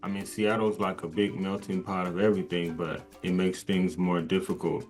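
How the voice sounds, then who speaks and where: A fairly low-voiced man hosting an interview show, delivering a polished, emphatic introduction and easing into relaxed questions. Faint music sits underneath his voice. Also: normal speed. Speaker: show host.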